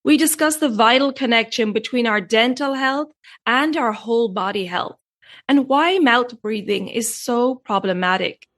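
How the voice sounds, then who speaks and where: A woman hosting a podcast, reading a measured introduction and then asking her guest questions. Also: on the high side, a bit bright, no echo, studio quality. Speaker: podcast host. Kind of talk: scripted podcast intro and interview.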